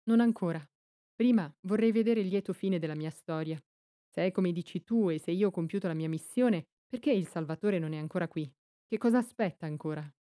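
A woman's voice: on the low side, brisk, mellow, no room sound, studio quality, natural voice. A woman voicing an earnest, tired young boy warrior in an audiobook, in a plain reading voice.

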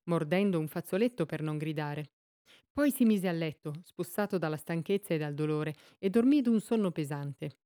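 A woman narrating a classic short story in a steady, measured reading. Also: on the low side, no room sound, studio quality. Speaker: reader.

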